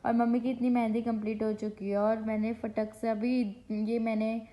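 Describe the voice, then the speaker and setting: A woman's voice: a little high, normal speed. Chatty young woman vlogging at home. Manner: chatty, animated storytelling with repeated phrases. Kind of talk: casual home vlog chat. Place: at home, indoors.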